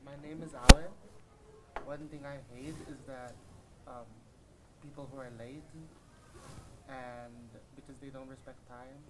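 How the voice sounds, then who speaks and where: A man taking part in a workshop, speaking in a measured way. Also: medium pitch. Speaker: workshop participant. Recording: distant, noisy room.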